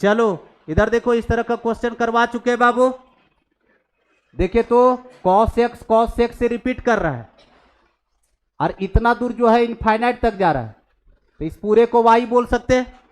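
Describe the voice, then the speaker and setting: High-voiced scolding male maths teacher. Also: a little slow, pauses often, smooth. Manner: scolding, blunt, mixes English maths terms. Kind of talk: classroom lecture, scolding students. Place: classroom.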